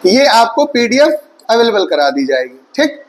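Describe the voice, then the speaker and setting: A man's voice: very high-pitched, big pitch swings, measured pace, a little hiss or hum, poor audio. A man teaching an online exam-prep Hindi class, listing words and quizzing his students with rhetorical questions, calling them his children. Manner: addresses students fondly as children.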